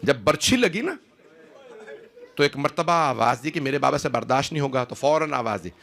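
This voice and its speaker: A man's voice: expressive, gravelly. Sex: man. Role: impassioned preacher. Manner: emotional, dramatic delivery with sharp rises in pitch and loudness; addresses the gathering directly and often. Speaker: Islamic preacher. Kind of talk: impassioned religious sermon. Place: large religious gathering, broadcast live.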